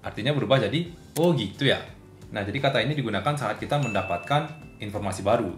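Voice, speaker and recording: A man's voice: on the low side, very fast. A man giving a casual language lesson who explains plainly and acts out short example dialogues. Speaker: Japanese language teacher. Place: indoor room at home. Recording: roomy home room with faint music.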